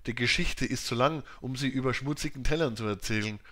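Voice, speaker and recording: A worn-out, famished Victorian gentleman inventor, as a male reader voices him. He talks in a curt, insistent way and pushes his voice up a little. His speech stays clipped and tired. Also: mid-range voice, fairly quick, close to an everyday voice. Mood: weary.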